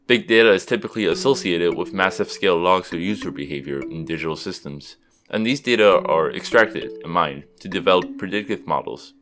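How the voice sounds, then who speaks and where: A young man from Seattle whose first language is Chinese, reading a scripted video essay in a steady, explanatory way. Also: low voice, brisk. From Seattle, USA. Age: young adult. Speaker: student narrator. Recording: music behind voice.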